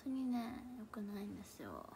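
Streaming from her room at home on a phone or tablet, this young idol mixes Kansai into her Hakata dialect, talking casually and muttering little asides to herself. She speaks fast at a medium pitch with huge swings and a creaky edge, against a noisy background.

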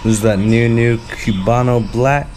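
Holding an action camera at arm's length, a twenty-something man vlogs for a vape brand team in a relaxed, slangy manner. His mid-range, darkish voice has fairly even intonation and a moderate pace, and the recording is noisy with an ambient hum.

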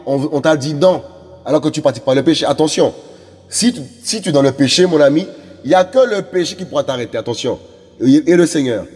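A male preacher exhorts his listeners with a high, slightly husky voice, circling back on phrases and filler words. His sermon rings with a long reverb, as if in a large hall, and soft music plays underneath. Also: quick pace. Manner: fervent, repetitive exhortation with many fillers. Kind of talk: evangelistic sermon.

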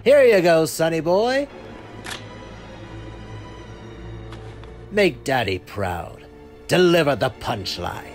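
A man voicing a gleefully cruel clown supervillain in a cartoon fan dub, theatrical and mocking, drawing out his taunts from hushed menace to shrill glee. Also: huge pitch swings, unhurried. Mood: gleeful goading. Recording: roomy echo with music behind.

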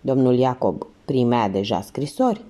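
A woman's voice: rumbling low, big pitch swings, dark tone, voice pushed down. A woman voicing a blunt male police inspector who asks short, probing questions.

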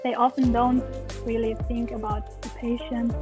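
Speaking as a guest over a laptop video call from her living room, this thirties-aged pelvic steam practitioner from Romania shares her story freely, often laughing and moving her hands. Her pitch leans high and her delivery is flat, at a moderate pace, with music playing underneath. The sound is dry and tinny.

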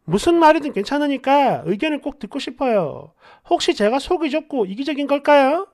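A woman's voice: sits high, very animated, a little fast, a little mellow. A woman reading a story aloud in an indignant, confiding way. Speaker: story narrator.

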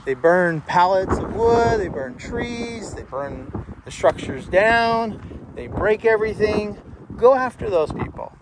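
Heated and repetitive, a fairly high-voiced man who vlogs urban exploration insists on his point against critics while walking and talking defensively. He's outside among deserted ruins in the desert beside a highway, and traffic, wind, and passing cars come through plainly on his camera's outdoor mic.

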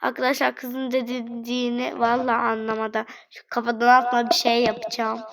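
A woman with a high-pitched voice gives let's-play gameplay commentary. She chats directly to her viewers in a playful, fussing way. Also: completely flat delivery, moderate pace, rough recording. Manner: chatty, talks straight to viewers; playful, fretting over angry customers. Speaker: gaming channel host.

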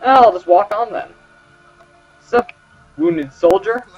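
This let's play commentator has a high-pitched, somewhat mellow voice and a slow pace. He cracks sarcastic jokes and addresses the game characters, with game music audible in a slightly dull recording.

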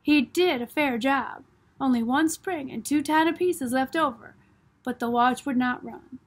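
A woman reads a novel aloud in a steady, unhurried way. Her voice is high and breathy, with a soft airiness throughout. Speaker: narrator. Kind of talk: audiobook reading of a novel.

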